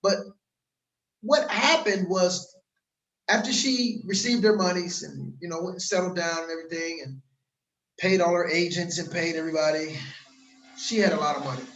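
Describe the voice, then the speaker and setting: High-voiced man giving a hard-sell vlog. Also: normal speed, long pauses, fairly bright tone, reverberant, poor audio. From Los Angeles. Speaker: crypto course promoter. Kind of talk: casual vlog pitch. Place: outdoors in a warm place.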